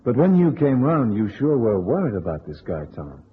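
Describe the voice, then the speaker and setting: In a dull old radio recording, an actor delivers golden-age detective drama as a wisecracking, blunt tough-guy safecracker and sleuth. His mid-range voice is sing-song and natural, moving at normal speed, while his tone is slangy, pushy, sardonic and probing.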